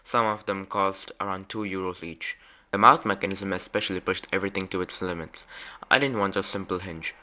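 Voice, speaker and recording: A young man narrates a scripted student project presentation. His voice sits a little low and has a bright, forceful edge. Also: fairly even intonation, fairly quick. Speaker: student robotics builder presenting own project.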